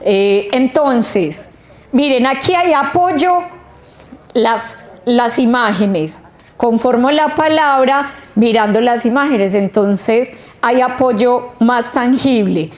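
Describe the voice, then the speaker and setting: A woman leads a literacy training session. Her voice sits a little high and she speaks at an unhurried pace. She sounds out words slowly to show how each sound is made. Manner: slow, explanatory, stretching out sounds. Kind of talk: training workshop lecture. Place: training room.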